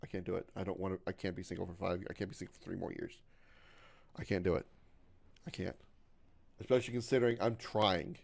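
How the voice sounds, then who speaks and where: Low-pitched and gravelly, a man in his thirties speaks fast with fairly even intonation and frequent pauses while casually chatting on his game livestream. He's rambling and repetitive, stumbles over words, and runs himself down in a glum, self-deprecating manner.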